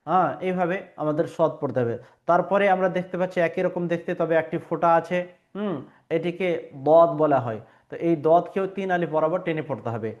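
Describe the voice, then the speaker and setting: A man with a somewhat high voice gives a patient lesson on pronouncing Arabic letters. He stretches each sound out to model it and pauses often with small fillers. The recording sounds dull and lo-fi. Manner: patient and explanatory, models sounds by drawing them out; frequent hesitation fillers. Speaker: Quran reading teacher.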